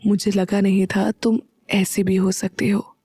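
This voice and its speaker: A woman voicing a guarded young husband who talks softly and tenderly, in an audio story. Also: little pitch movement, unhurried, husky, dry recording, studio quality. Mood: quiet tender. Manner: soft, low-key delivery.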